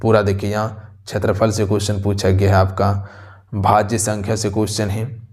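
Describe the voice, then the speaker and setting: Speaking at a moderate pace in a lowish, level, slightly mellow voice, a male exam-prep teacher goes through a question paper. He's repetitive and directly addresses his audience as "aap sabhi," recorded close on a voice-over mic.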